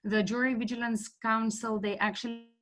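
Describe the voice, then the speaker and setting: A woman's voice: a little high, flat delivery, normal speed. A woman on a call line that keeps breaking up, her words dropping out. She sounds distant and choppy. Her manner is matter-of-fact as she clarifies a point. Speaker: industry relations head on a panel. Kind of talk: remote panel call. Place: calling in remotely from far off.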